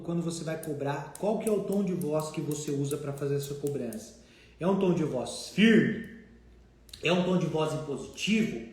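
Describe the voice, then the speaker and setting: Brazilian male trainer, higher voice, lively, acts out debtors; heavy room echo. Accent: Brazilian Portuguese. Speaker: debt collection trainer. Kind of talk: casual instructive talk. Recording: very echoey room.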